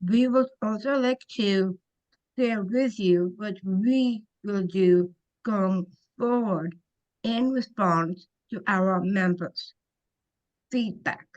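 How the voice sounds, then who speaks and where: A woman from Ontario hosting a webinar on a video call, reading her introduction slowly and carefully, with small restarts. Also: mid-range voice, a little mellow, lo-fi sound. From Ontario, Canada. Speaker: webinar host, council member.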